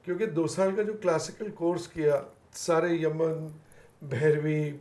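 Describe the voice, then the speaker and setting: A male podcast host shares memories with his guest and laughs easily, dropping English phrases into his talk. His voice is pitched high for a man. He speaks slowly and deliberately. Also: steady tone, a little mellow, echoey room. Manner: reflective storytelling, mixes in English phrases, laughs often. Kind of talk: casual interview chat.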